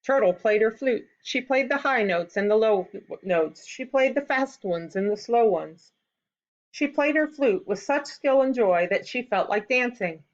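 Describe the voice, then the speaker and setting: Reading a folktale to children, a woman whose voice sits on the high side uses an expressive, deliberate storytelling manner. She's a storybook reader, captured on a slightly dull recording.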